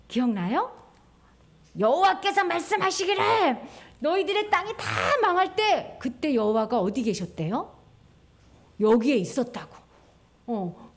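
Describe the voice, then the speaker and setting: A woman giving a children's sermon in a church, her voice high and very animated. She storytells and keeps asking the children questions, with her pitch leaping up and down. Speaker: children's pastor.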